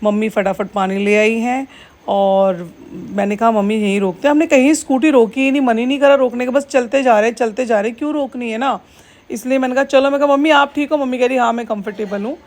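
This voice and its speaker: A woman's voice: a little high, fast, a little mellow. Chatty woman vlogging to her viewers. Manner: chatty, addressing viewers as friends. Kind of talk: casual vlog chat.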